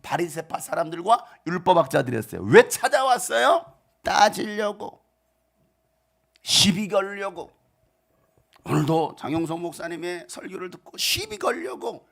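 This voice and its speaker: A middle-aged male pastor giving an animated storytelling sermon, swinging from shouts to hushed asides. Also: sits high, unhurried, gravelly.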